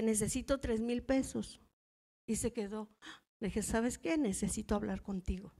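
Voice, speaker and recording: A middle-aged woman with a Mexican Spanish accent, teaching in church and telling personal stories in a conversational way, often asking the audience to agree. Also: a little high. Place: church hall.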